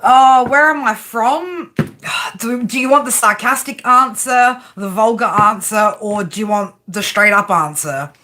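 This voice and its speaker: With a fairly high, pushed and bright voice at a measured pace, an Australian woman hosts a live-stream tarot reading. She's playful and slangy, chatting away and reading out comments from her viewers.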